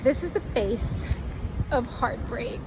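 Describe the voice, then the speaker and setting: A woman chatting in a casual vlog, excitable and full of casual slang. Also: fairly high pitch, takes it slowly. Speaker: reptile keeper vlogger. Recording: noisy background ambience.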